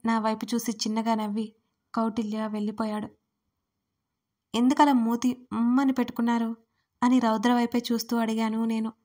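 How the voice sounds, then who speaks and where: A woman, the writer and narrator, reading a first-person romance audio story in a soft, steady way. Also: on the high side.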